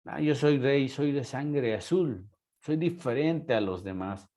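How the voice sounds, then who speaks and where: A teacher with a Mexican Spanish accent lectures his class, posing rhetorical questions. His mid-range voice is slow and dark in tone.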